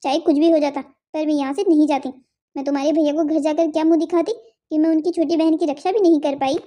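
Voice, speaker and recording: Cartoon wife: woman playing a gentle, reassuring young woman, high and mellow. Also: steady tone, fast talker, natural voice. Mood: caring. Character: brave, caring young wife, the elder sister-in-law.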